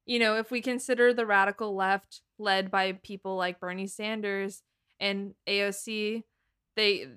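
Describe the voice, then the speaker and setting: With a medium-pitched, clean, slightly bright voice and fairly even intonation, a young Massachusetts woman speaks a little slowly as a podcast co-host. Her American-accented talk in this political chat is conversational and informal, full of "like."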